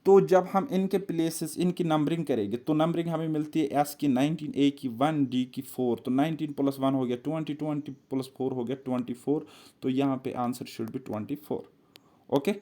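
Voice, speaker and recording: Mellow-voiced male exam tutor. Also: a little high. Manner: repetitive, step-by-step, quizzes the viewer. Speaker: exam-prep teacher. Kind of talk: explaining reasoning puzzles on a board.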